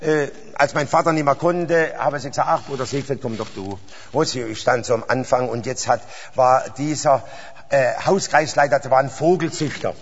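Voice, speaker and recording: A man's voice: medium pitch, moderate pace, slightly rough. A man preaching a sermon into a handheld mic in a church hall, rambling through stories, then rising to fervent exclamations. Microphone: handheld microphone. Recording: dull echoey hall.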